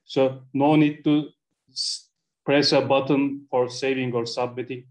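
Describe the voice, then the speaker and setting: A man's voice: medium pitch, level tone, a little slow. A man giving procedural instructions to a jury as an event organiser.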